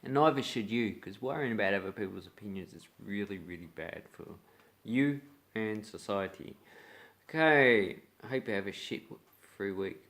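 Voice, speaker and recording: A man's voice: fairly low pitch, animated, moderate pace, fairly bright tone. A young man with an Australian accent, explaining slang in a blunt, playful way and acting out example lines. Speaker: slang teacher. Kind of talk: casual video lesson.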